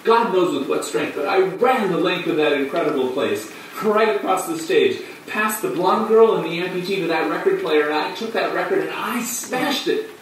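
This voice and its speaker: An actor playing a flamboyant man who tells his story in a halting, breathless theatrical monologue. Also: high-pitched, expressive. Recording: echoey room, distant mic, faint hum.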